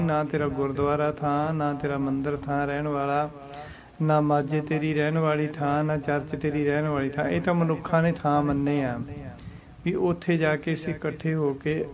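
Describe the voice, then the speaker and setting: A man with a Punjabi accent teaching the correct recitation and meaning of scripture, speaking slowly and deliberately and adding English glosses. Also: a little high. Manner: slow and deliberate, chants scripture lines, mixes in English glosses. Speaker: Gurbani teacher. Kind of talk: slow religious lesson on recitation.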